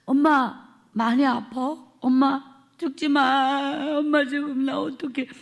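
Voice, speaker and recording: A frightened ten-year-old girl calls out for her mother in a high, strained voice, stretching every plea, as a woman preacher acts out her own childhood. The Gyeongsang accent colors each word. It is a spoken sermon story, not a stage play. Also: little pitch movement, gravelly, heavily acted. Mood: pleading. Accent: Gyeongsang Korean. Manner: pleading, slow and drawn-out cries.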